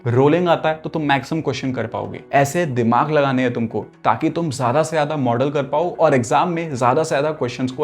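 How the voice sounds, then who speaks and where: A man's voice: fairly high pitch, darkish tone. A young man giving direct, motivational study advice to exam students, slipping English phrases into his talk. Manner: direct, coaching tone, mixes English phrases into Hindi. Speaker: exam prep mentor.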